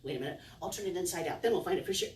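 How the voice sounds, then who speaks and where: Talking very fast in a fairly low, slightly mellow voice, a middle-aged kids' party magician and circus performer plays to her audience with theatrical wonder and pretend bafflement. A distant camera records her in an indoor room with a small curtained stage, giving roomy sound and faint noise.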